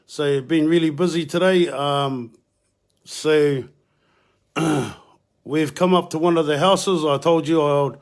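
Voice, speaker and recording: A man with a Māori New Zealand English accent, talking casually and haltingly to a live video audience, mixing in Māori words. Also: fairly high pitch. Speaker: community housing helper hosting a live video. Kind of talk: casual live vlog talk.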